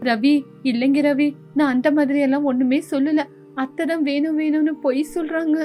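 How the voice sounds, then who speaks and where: Brief: woman playing a young daughter-in-law, earnest and pleading, high voice, cartoon story. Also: level tone, normal speed, dark tone, faint music behind, close to an everyday voice. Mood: hurt. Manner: pleading, reasoning. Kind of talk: storybook voice acting.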